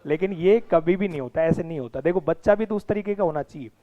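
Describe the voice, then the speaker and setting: A man's voice: fairly high pitch, fast talker, dull audio. A man teaching a class, mixing the lesson with teasing and scolding of his students. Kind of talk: classroom lecture with banter.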